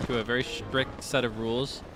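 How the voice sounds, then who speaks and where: Guy streamer just chatting while he plays, playful, normal pitch, game music in the back. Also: steady tone, a little fast, rough recording. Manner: chatty, playful, talking to viewers. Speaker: livestreamer, VTuber. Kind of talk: casual gaming livestream chat. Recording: music behind the voice.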